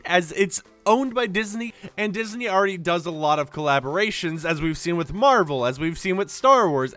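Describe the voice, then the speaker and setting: This is a high-pitched, slightly bright male voice belonging to a young man presenting laid-back gaming news. It's early morning and he sounds drowsy, chatting in a rambling way packed with "likes" and "basicallys."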